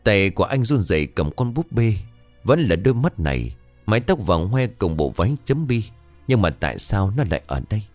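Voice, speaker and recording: A man narrating a ghost story in a dramatic, expressive reading style. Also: on the low side, brisk, no room sound. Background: faint music.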